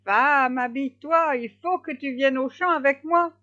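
A woman voicing a boastful, bossy male hedgehog in a storybook tale, talking in a brisk, commanding way. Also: sits high, bright, forceful tone, voice pushed up. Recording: slightly dull lo-fi recording.

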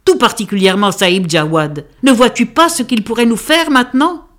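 A woman's voice: fairly high pitch, lively intonation, moderate pace, pitched above the performer's own voice, lightly acted. Woman reading as a stern scolding father. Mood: angry. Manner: loud, scolding.

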